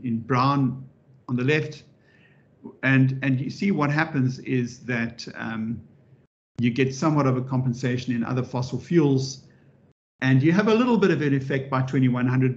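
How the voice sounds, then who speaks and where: A man giving an interactive public lecture as a professor, lively and animated, often restarting his sentences and adding wry asides. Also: mid-range voice. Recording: dull lo-fi recording.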